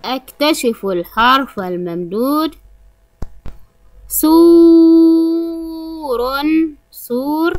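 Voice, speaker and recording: A woman teaching a reading lesson for young children, sounding out syllables slowly and deliberately. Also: fairly high pitch, fairly bright tone, no room sound. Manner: slow, drawn-out syllables for children to repeat. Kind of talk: early-grade reading lesson.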